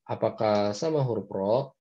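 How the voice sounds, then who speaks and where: Mellow-voiced Indonesian man teaching recitation. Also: on the low side, highs cut off. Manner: explains patiently, demonstrating letter sounds slowly. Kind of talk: online class lesson. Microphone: video call.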